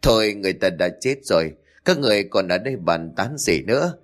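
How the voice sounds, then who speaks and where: A stern middle-aged village chief, gruff and scolding, read by a man. His low voice swings widely as he barks orders in a spoken horror tale. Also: animated, a little fast, soft background music, natural voice.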